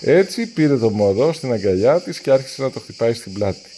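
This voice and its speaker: A man reading a children's storybook aloud, lively and acting out the characters' lines. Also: mid-range voice, a little hiss or hum. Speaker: storybook reader.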